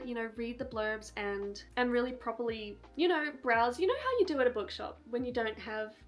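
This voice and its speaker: Chatty young woman, music behind. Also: fairly high pitch. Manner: chatty, rambling, laughs often. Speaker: book vlogger. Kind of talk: casual book haul chat.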